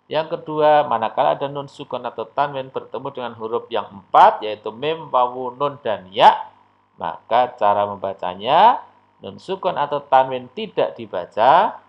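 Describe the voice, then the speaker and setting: A man teaching a tajwid recitation lesson online, explaining rules patiently and chanting the examples slowly. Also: fairly low pitch. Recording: dull lo-fi audio.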